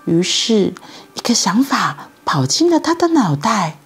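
Woman storyteller, Taiwanese Mandarin accent, sing-song children's reading with wide pitch swings. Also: measured pace, breathy edge, faint music behind. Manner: animated, speaking to children.

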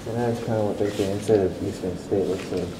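A young man exploring an abandoned school, talking in a relaxed way and thinking aloud with fillers. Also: on the low side, fairly quick. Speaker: urban explorer. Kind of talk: casual exploring chat. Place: inside a large abandoned school building. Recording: echoey hall with background noise.

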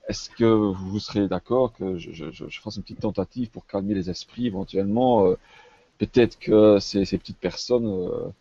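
A man's voice: on the low side, moderate pace, vocal fry, warm tone, husky, dry recording, highs cut off. A man playing his character in a tabletop game over an online call, stammering and repeating himself. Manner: stammering, many repetitions. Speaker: player. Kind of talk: tabletop role-play.

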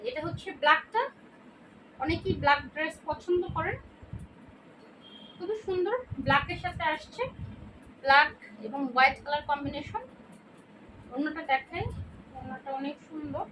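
High-voiced Bangladeshi woman selling dresses. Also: normal speed, long pauses. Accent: Bangladeshi Bengali. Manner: chatty, repeats prices and colors. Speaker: online clothing seller. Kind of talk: casual product showcase. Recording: distant mic with noisy background.

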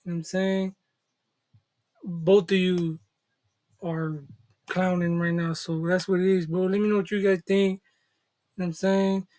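A high-voiced man in his thirties reacts casually to content from a desk in a small room, using relaxed street slang. The delivery is flat and a little mellow, at normal speed with frequent pauses.

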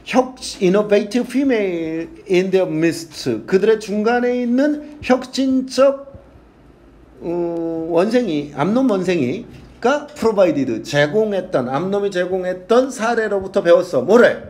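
A man teaching English to a class in a casual lecture, reading lines aloud slowly and translating them, blunt and crude, swearing and joking with his students. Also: sits high, expressive, darkish tone.

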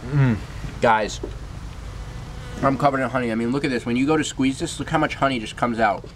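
A young man hosting a vlog outdoors beside beehives, talking excitedly and emphatically to camera in a casual style. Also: medium pitch, fairly quick. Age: young adult. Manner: exclaiming, emphatic, repeats superlatives. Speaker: vlog host. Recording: noisy outdoor camera audio.

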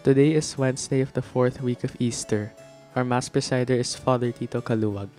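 A man with a Filipino accent reading scripture formally as a Mass lector, in deliberate, measured phrases. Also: mid-range voice, steady tone, a little mellow, soft background music.

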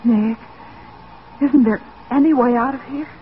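An actress playing an eager, anxious American detective's assistant in an old-time radio drama, questioning and easily alarmed. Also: female voice, fairly high pitch, a little slow, slight background noise, natural voice. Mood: anxious, afraid. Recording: tinny, narrow-band old radio recording.

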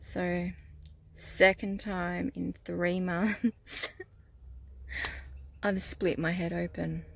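A woman's voice: lowish voice, flat delivery, very slow, creaky, long pauses. A woman in her forties chatting to a phone at arm's length inside a small camper van, telling rambling stories with lots of fillers, tired and nursing a headache. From Australia. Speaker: van life vlogger. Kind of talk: casual vlog chat to camera. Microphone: phone held at arm's length.

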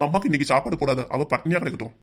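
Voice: mid-range voice, lively intonation, very fast. A performer voicing a stubborn, teasing older father-in-law with a mocking, bossy manner in a cartoon.

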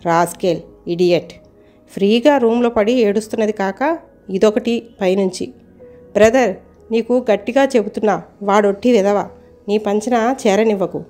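A woman's voice: mid-range voice, normal speed, warm tone, soft background music, natural voice. A woman voicing a brash, hot-tempered young man who scolds and pleads with his friend, in a storybook reading. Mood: scolding.

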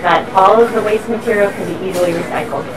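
This tour guide talks fast in a mid-range voice as she explains the factory step by step. Crowd noise mixes with the machinery and workshop din of the busy floor, and the mic sits somewhat distant.

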